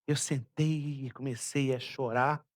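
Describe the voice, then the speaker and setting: A man from Brazil, a pastor, preaching a sermon and telling a personal story, moving between loud passages and hushed ones. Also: mid-range voice, fairly even intonation, a little slow.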